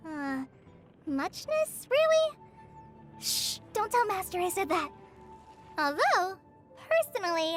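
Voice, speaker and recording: An actress voices a shy, earnest teenage girl training as a forest ranger in a video game, hesitant, stammering, apologetic and easily flustered. Her exaggerated voice is extremely high and a bit bright, with background music behind the lines.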